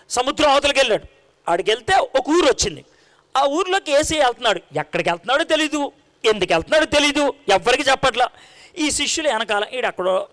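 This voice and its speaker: Male preacher, sermon, animated, rhetorical questions, bright and sharp tone, high voice.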